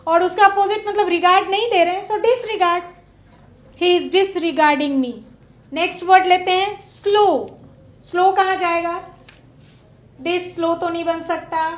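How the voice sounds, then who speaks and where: High-voiced woman teacher, echoey room. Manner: slow, drawn-out words with questions to the pupils. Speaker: English teacher. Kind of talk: classroom lesson on prefixes and suffixes. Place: broadcast studio classroom.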